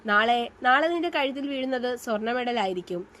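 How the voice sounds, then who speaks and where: A woman's voice: on the high side, lively intonation, normal speed, a bit bright, slight background noise. A woman reading the lines of a confident, teasing young male college union leader, with a bold, playful lover's tone. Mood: teasing, tender.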